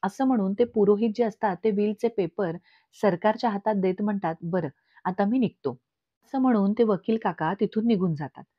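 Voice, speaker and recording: A woman narrating an episode recap in a steady, explanatory storytelling way. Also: medium pitch, brisk, no echo. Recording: dull lo-fi recording.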